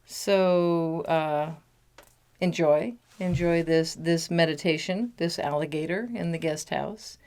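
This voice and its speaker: A woman, a meditation teacher, leading a guided mindfulness meditation over a phone call. She speaks gently and keeps talking steadily. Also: sits low, slow pace. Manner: gentle, talks a lot to cover background noise.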